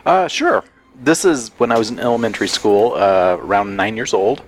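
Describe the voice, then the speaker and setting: A man guest telling a story in a casual podcast chat, with a dry, unhurried delivery. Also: lowish voice, very animated, a little hiss or hum.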